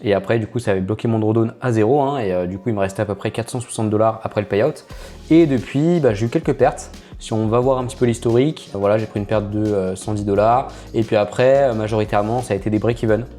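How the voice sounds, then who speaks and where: A chatty man walks viewers through his screen, speaking in a relaxed, mellow, darker tone. He hesitates often and fills pauses with filler sounds, with soft music faintly underneath. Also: lowish voice. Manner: hesitant, full of filler "euh"; chatty, addresses viewers directly. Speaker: trading channel host. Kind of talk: casual screen-share commentary.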